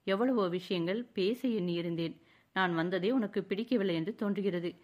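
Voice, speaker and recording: A woman's voice: mid-range voice, normal speed, highs cut off, lightly acted. A woman narrator voicing a young royal prince who speaks in a mocking, courtly way. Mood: teasing, courtly. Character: young royal prince, teasing then tender.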